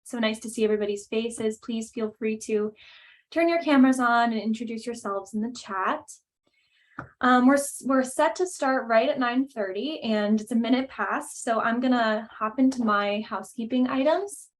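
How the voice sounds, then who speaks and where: Reading out a speaker's introduction on a video-call webinar, the host and coordinator speaks at a moderate pace in a fairly high-pitched voice. She's friendly and fills her lines with frequent "um"s.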